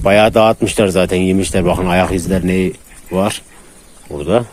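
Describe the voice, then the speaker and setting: A man talking casually to viewers about his dogs outdoors, now and then calling to them in high, loud bursts. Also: fairly even intonation, moderate pace, a little hiss or hum. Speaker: dog breeder filming his dogs.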